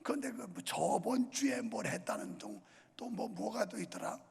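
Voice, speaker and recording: Older male pastor with a Chungcheong Korean accent, folksy sermon delivery, husky and gravelly, recorded in a reverberant church hall. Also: high voice, expressive, moderate pace, a little mellow. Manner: folksy storytelling with comic dialect imitations. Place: large church sanctuary.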